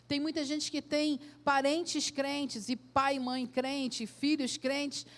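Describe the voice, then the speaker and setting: In a church, a woman pastor with a high voice and a Brazilian Portuguese accent preaches a sermon. She asks direct questions, her voice swelling loud and then dropping soft.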